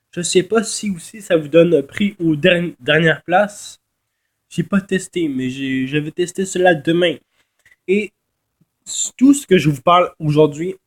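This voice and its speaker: A man with a Québécois accent and a nasal voice, congested from a cold, giving a casual, halting game tutorial in which he often repeats and corrects himself. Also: fairly high pitch. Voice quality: nasal from a blocked nose. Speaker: gaming video host.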